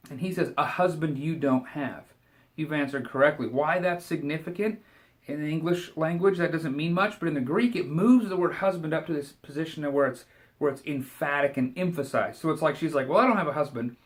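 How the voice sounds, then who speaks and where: A man giving a short devotional Bible commentary, talking in a relaxed, conversational way and paraphrasing scripture in everyday speech. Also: fairly high pitch, brisk. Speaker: Bible teacher.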